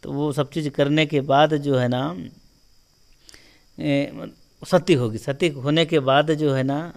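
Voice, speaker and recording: A man with a Chhattisgarhi accent telling a local folk legend in a casual, animated way, often filling with "jo hai na". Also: on the high side, slow. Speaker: storyteller guest.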